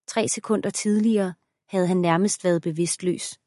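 A woman's voice: fairly low pitch, fairly even intonation, dark tone, no echo. Woman narrating an audiobook, dry close sound. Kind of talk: scripted narration.

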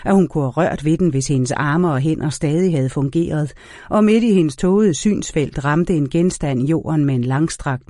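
A man reading a novel aloud as an audiobook narrator in a measured, even storytelling manner. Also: a little high, no echo, studio quality. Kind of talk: scripted narration.

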